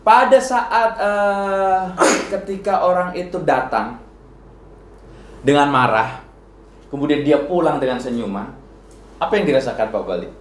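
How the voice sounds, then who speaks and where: A man with a fairly high voice leads a casual religious talk as host and preacher. He tells stories with lively energy and slips into voices. He is heard in an echoey room with faint background noise. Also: a little slow, pauses often. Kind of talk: casual Islamic talk show, animated storytelling.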